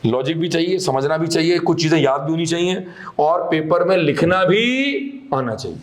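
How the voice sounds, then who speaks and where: High-voiced man scolding a class. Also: animated, moderate pace. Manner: scolding, emphatic, mixes English terms. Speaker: teacher. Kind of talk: classroom lecture.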